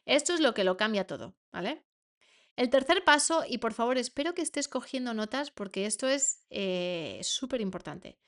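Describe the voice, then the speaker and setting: A woman's voice: fairly high pitch, animated, normal speed. A woman with a Spain Spanish accent, teaching a masterclass to parents as a coach, earnest and repeating words for emphasis.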